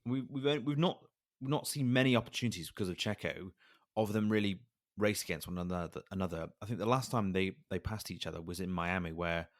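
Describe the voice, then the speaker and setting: Deep-voiced male co-host, easygoing and chatty. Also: a little fast, hardly any pauses, no echo, studio quality. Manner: relaxed, chatty, acts out quotes. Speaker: podcast co-host. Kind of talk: casual chat.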